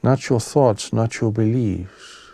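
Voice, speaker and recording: A man with a lowish voice preaches a spiritual sermon in the role of teacher. Calm, solemn and gentle, he speaks in short measured phrases, his soft tone turning breathy at the end of each, with no room sound audible.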